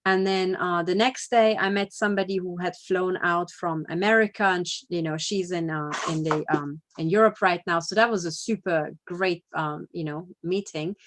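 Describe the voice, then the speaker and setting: A woman activist gives a casual video report in a lowish voice, with fairly even intonation, a moderate pace and hardly any pauses. She's blunt and emphatic, swears freely and keeps checking in with "you know" and "right?"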